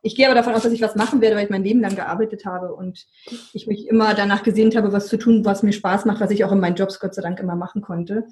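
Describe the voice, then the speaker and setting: A woman's voice: mid-range voice, fairly even intonation, quick pace, darkish tone. Reflective middle-aged woman chatting. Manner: reflective, laughs often. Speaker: podcast guest, wife. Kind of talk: casual chat.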